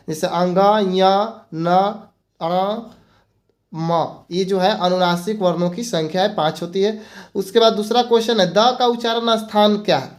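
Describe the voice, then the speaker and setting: A teacher gives an exam-prep grammar lesson, repeating points and mixing in English words. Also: medium pitch. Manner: asks rhetorical questions and answers them.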